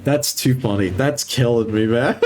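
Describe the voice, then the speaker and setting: A man's voice: medium pitch, a little slow, a little mellow. Rambling young man, casual chat. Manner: rambling, filler-heavy, laughs easily. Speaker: streamer and tabletop game master.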